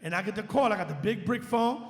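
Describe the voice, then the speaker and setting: A man, a DJ guest telling a story and acting out every line of dialogue with big swings in pitch. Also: quick pace. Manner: acts out quoted dialogue with big jumps in pitch. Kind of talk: animated storytelling. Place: live-stream studio. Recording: echoey studio with long reverb.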